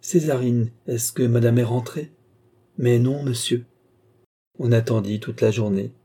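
A man's voice: mid-range voice, steady tone, unhurried, warm tone, husky. A man reading as a curt old housekeeper woman. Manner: short, dry replies.

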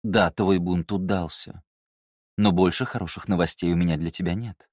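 A haughty mother, cold and clipped, barely holding back rage, read by a man in a low voice; dry audiobook sound. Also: moderate pace, no echo. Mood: furious. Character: haughty scheming woman, a mother, furious.

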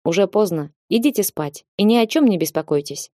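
A woman's voice: mid-range voice, expressive, brisk, dark tone, no echo, studio quality, close to an everyday voice. A woman voicing a commanding male lord who speaks firmly and with authority in an audiobook. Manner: firm, clipped, authoritative. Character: commanding male lord, steely then gentle.

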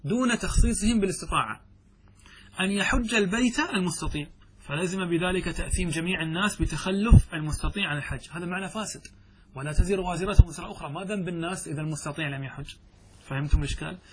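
A man's voice: high voice, quick pace, a little hiss or hum. A man teaching a lesson on Arabic grammar, reading the text aloud and explaining it step by step, often putting questions to the class and answering them himself.

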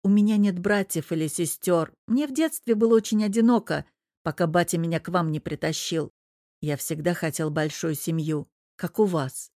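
A woman's voice: fairly low pitch, normal speed, mellow, no room sound, close to an everyday voice. A confident young husband who teases and protects in the same breath. A woman reads him in an audiobook, barely changing her own voice. The sound is dry and close. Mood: tender. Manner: easygoing and teasing. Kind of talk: audiobook character voice.

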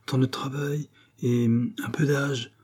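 A man's voice: medium pitch, little pitch movement, unhurried, darkish tone, pitched above the performer's own voice, natural voice. A man voicing an eager young peasant man who earnestly pleads his case in an audiobook reading.

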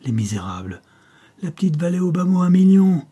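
A man's voice: high voice, big pitch swings, brisk, warm tone, breathy edge, pitched above the performer's own voice, full character voice. A man reading the part of a cold-blooded male henchman who answers his master in a subdued, deferential way.

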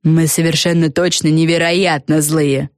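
A woman's voice: sits low, fairly even intonation, moderate pace, dry recording, studio quality, natural voice. A woman voicing a proud, hot-tempered young witch in an audiobook, hissing and snappish. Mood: snapping. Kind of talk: audiobook character voice.

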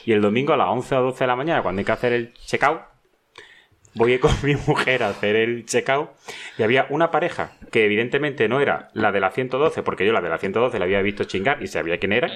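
Brief: middle-aged man, lively raconteur, mid-pitched, light hiss behind. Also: fast talker. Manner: animated storyteller, laughs often, acts out shouted quotes. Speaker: podcast guest telling an anecdote. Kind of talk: casual storytelling chat.

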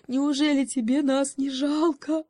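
A woman's voice: high voice, flat delivery, unhurried, a little mellow, dry recording, clean studio sound, voice pushed up. A woman voicing a frightened donkey who whines. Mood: whining. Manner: whining.

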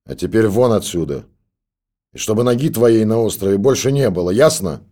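Male narrator as a gruff, scolding stoker with a low, dark voice. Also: animated, moderate pace, natural voice. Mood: rough scolding. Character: gruff old stoker in a monastery.

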